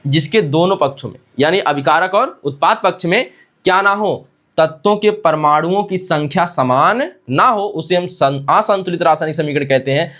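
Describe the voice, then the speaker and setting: A man with a high voice teaches a science lesson. He asks the class a question and answers it himself, then repeats each definition word by word, slowly, so the class can write it down. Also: a bit bright. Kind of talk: classroom lecture.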